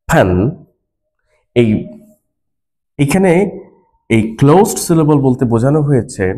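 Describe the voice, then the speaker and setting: A man's voice: medium pitch, dark tone. A man teaching an English phonics lesson, patiently explaining and spelling out words letter by letter.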